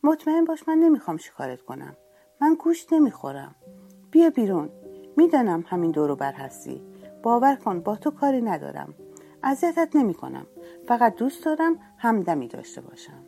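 A woman's voice: on the high side, big pitch swings, vocal fry, dark tone, faint music behind, voice pushed up. A woman voicing a big, lonely male eagle who coaxes and pleads in a raised voice. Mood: pleading.

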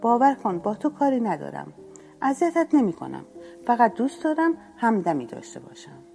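Storybook eagle, male, lonely and soft-hearted, coaxing and reassuring, a woman putting him on, pitched up a bit, gravelly edge. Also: big pitch swings, faint music behind. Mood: pleading. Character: lonely gentle male eagle seeking a friend.

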